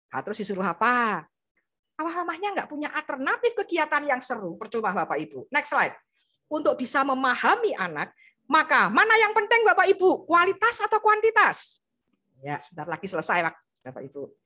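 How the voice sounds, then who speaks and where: A woman psychologist with a Javanese accent gives an interactive online seminar talk over a video call. She quizzes her listeners by name in a lively way. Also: high-pitched. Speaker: psychologist guest speaker.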